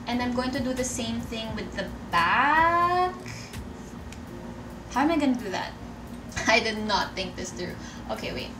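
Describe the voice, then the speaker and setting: A woman's voice: fairly high pitch, expressive, a little slow, long pauses, noisy background. A young woman from the Philippines filming a casual home vlog, talking to the camera in a self-mocking way, swearing and laughing often. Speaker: vlogger. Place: room at home. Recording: echoey room, mic a bit far off.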